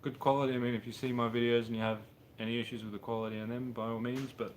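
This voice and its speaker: Racing along at medium pitch with hardly any rise or fall, the Brisbane-born man in his thirties keeps up his easygoing, slangy banter, a light hiss or hum in the background. He's casually answering his livestream viewers from a home mechanic's workshop with a car lifted on a hoist, his Australian accent clear.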